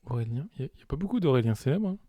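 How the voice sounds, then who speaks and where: A man's voice: medium pitch, lively intonation, very fast, dark tone, a little hiss or hum. A young man co-hosting a podcast in a casual, teasing chat, asking playful questions. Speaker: podcast co-host.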